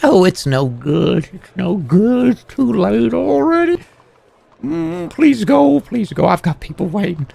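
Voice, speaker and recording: Squat fretful fortune teller creature: slow, swooping, evasive game character. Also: male voice, sits high, sing-song, vocal fry, a little mellow, pitched above the performer's own voice, heavily acted. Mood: fretful, pleading. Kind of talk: voiced game character on a livestream.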